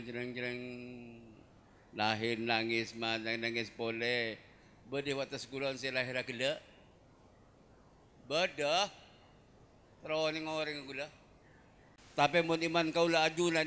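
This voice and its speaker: A man's voice: medium pitch, bright, forceful tone, a little hiss or hum. A male preacher giving a sermon, delivering rhyming verses in a rhythmic, sing-song way.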